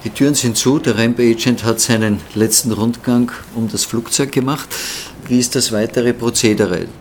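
A man's voice: medium pitch, fairly even intonation, normal speed, a little hiss or hum. A man asking questions as a podcast host. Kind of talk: interview questions.

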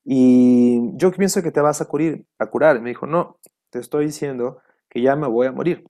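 Mellow-voiced man telling a personal story. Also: medium pitch, normal speed. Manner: heartfelt, reflective, quoting past conversations. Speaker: guest.

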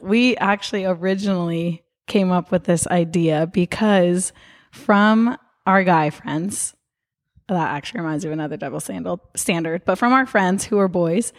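A woman co-hosting a casual podcast while hoarse from laryngitis, giggling often and saying "like" a lot. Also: fairly low pitch, normal speed. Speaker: podcast co-host and Pilates teacher. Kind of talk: casual chat.

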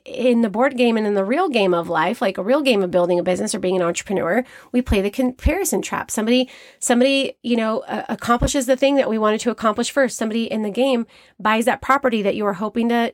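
A woman's voice: fairly high pitch, no echo, clean studio sound. A woman in her thirties, hosting a motivational podcast, telling a family story in a chatty, casual way with frequent fillers and laughter. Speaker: podcast host.

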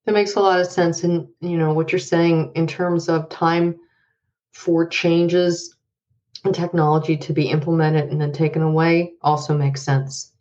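A woman co-hosting an interview who affirms the guest's points and hands the conversation over smoothly, heard through dull lo-fi call audio. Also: sits low, flat delivery, unhurried, darkish tone. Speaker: podcast co-host.

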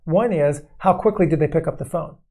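Mellow-voiced man explaining at an easy pace. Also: fairly high pitch. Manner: measured, explanatory, acts out quoted callers. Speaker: podcast co-host explaining investing. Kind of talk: conversational podcast explanation.

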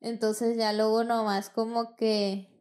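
A woman's voice: fairly high pitch, flat delivery, slow pace, a little mellow. A young woman with a Mexican accent, telling a personal story in casual, slangy, profane chat and acting out the dialogue. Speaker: podcast host.

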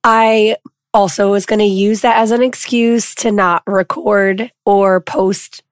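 A woman podcast host with a hoarse, worn-out voice gives an informal, halting introduction. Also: medium pitch, fairly even intonation, no room sound, clean studio sound. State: hoarse, lost voice.

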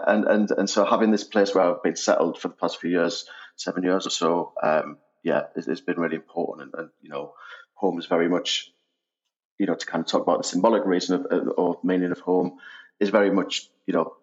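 A man of about forty with a Sunderland accent, answering interview questions in a reflective, conversational way. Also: low voice. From Sunderland, North East England. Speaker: podcast guest, housing operations head. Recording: dull, muffled lo-fi audio.

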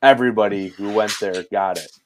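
Hoarse, low-voiced man hosting a podcast. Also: a little fast, a crowd in the background. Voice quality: hoarse, raspy. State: hoarse, voice cutting in and out from losing it. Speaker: podcast host. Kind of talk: casual live fishing show chat.

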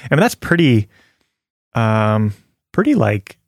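A man's voice: lowish voice, very animated, slow pace, a little hiss or hum. A man co-hosting a casual faith talk, reading scripture aloud and chatting earnestly with many fillers and easy laughs. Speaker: podcast co-host sharing a devotional.

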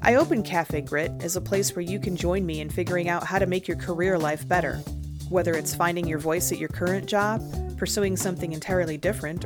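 A woman in her forties from Michigan hosting a casual solo podcast, frank and self-deprecating, swearing freely. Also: on the low side. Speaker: podcast host and author.

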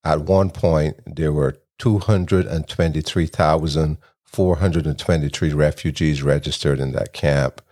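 Man, podcast host, extremely low voice, measured, earnest, scripted intro. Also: fairly even intonation, darkish tone. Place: home kitchen.

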